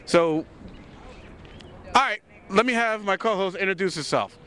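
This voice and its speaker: A man's voice: high voice, a little slow, bright, forceful tone, a little hiss or hum. A man hosting a casual talk show recorded outdoors in a city park, loose and repeating words as he thinks. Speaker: host.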